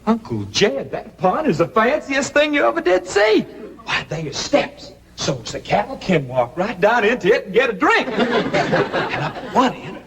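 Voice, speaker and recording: An actor playing a naive, earnest young country nephew in a 1960s TV sitcom, rambling eagerly with a rural Southern accent. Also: male voice, sits high, sing-song, normal speed, fairly bright tone, big-room sound, heavily acted. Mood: excited, earnest. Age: young adult. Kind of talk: 1960s television sitcom acting. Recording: noisy old TV soundtrack.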